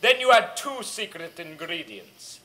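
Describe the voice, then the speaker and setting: In a theatrical drama, a woman plays a tyrannical grand witch who delights in cruelty, delivering an imperious villain monologue in foreign-sounding broken English full of scheming glee. Her voice is on the low side, sing-song and measured, pushed and bright, and heavily acted.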